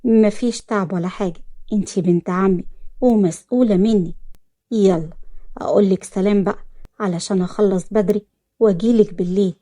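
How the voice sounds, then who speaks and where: A woman's voice: medium pitch, brisk, pauses often, warm tone, lightly acted. A woman with an Egyptian accent voicing a stern young businessman who gives curt orders. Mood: bossy. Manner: commanding, curt. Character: stern young businessman, bossy guardian cousin.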